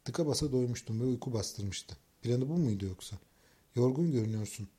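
A man reading a novel aloud in scripted first-person narration, with an even, measured delivery. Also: mid-range voice. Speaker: audiobook narrator.

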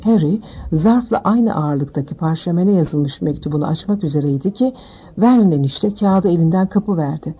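A woman narrating an audiobook in a steady, measured reading. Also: fairly low pitch, slightly rough, highs cut off.

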